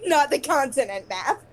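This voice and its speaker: A woman voicing a laid-back female fey dragon in a tabletop game, relaxed and unhurried. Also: sits high, a little hiss or hum, voice pushed up, heavily acted, poor audio.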